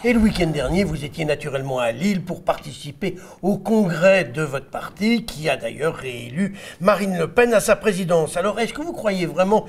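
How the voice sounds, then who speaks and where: A man's voice: fairly high pitch, expressive, moderate pace, vocal fry, few pauses, a little hiss or hum. A man interviewing a local politician, asking pointed and teasing questions. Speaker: radio interviewer.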